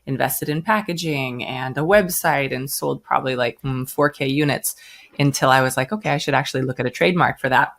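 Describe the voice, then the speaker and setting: A woman's voice: extremely low pitch, a little fast, creaky. An American woman, a brand founder, telling her story in a casual interview and acting out the voices of the people she quotes. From United States. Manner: chatty, acts out quoted voices.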